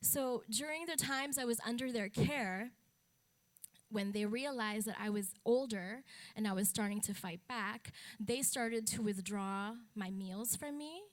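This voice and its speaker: On a stage at a talk event, a young adult woman from the Philippines speaks at a conference as an advocate. Her voice sits on the high side and her pace is measured, her delivery candid and matter-of-fact with a wry sense of humor.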